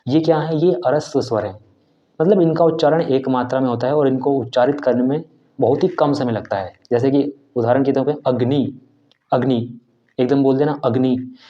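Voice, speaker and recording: Man teaching sounds slowly, dull audio. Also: medium pitch. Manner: asks himself questions and answers them; drawn-out, careful pronunciation of sounds. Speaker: teacher of Hindi and Sanskrit basics. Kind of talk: explanatory video lesson.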